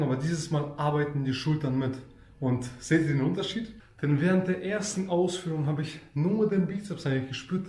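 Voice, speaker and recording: Fitness coach, male, slightly high voice, instructive and repetitive, roomy home gym sound. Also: a little mellow. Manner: explanatory, repeats key points. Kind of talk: home gym workout tutorial.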